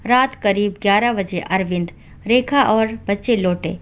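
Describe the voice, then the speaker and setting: A woman storyteller reading a scripted family story in a steady, even way. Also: medium pitch, measured pace.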